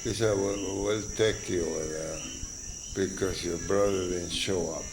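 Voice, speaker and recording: In his eighties and a first-language Spanish speaker, this slow-talking man is interviewed and recalls the past in a rambling, halting way, sprinkled with fillers and chuckles. His voice is deep, and the recording is noisy with crickets.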